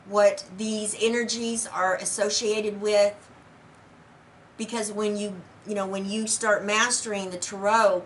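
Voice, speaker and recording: A woman's voice: medium pitch, a bit bright, a little hiss or hum, low-quality recording. Chatty woman teaching tarot. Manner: talkative, says "okay" after most sentences. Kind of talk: casual online lesson.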